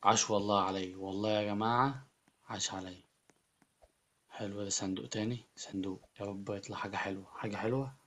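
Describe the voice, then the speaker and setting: A man with an Egyptian Arabic accent giving excitable Let's Play commentary as a gaming YouTuber, often repeating his words. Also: fairly low pitch, fast talker.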